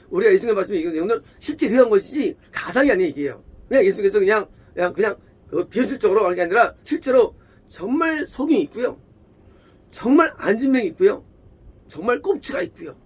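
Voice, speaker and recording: A man's voice: high voice, a little mellow, slightly rough. A man preaching a sermon as pastor, emphatic, repeating phrases and firing rhetorical questions at the congregation.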